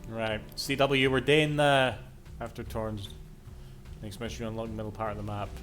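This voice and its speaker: A man's voice: on the low side, little pitch movement, moderate pace, a bit bright, faint music behind. A man giving casual, chatty live commentary as a game streamer, swearing freely.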